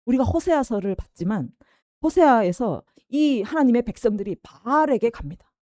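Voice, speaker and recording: A woman's voice: fairly high pitch, lively intonation, normal speed, mellow, dry recording, studio quality. A woman pastor preaching a midweek sermon, acting out the voices of the people she quotes. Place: church.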